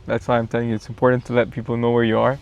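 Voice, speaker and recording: A man chatting as a guest in a casual backyard interview, telling a story in a relaxed, rambling way with fillers. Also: medium pitch, racing, dull audio.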